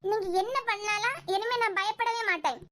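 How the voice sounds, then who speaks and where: A woman plays a firm young woman in a cartoon, speaking in a Kanyakumari Tamil accent. The voice is very high and fast. She is curt and defiant throughout. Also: a bit bright. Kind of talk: cartoon web series voicing.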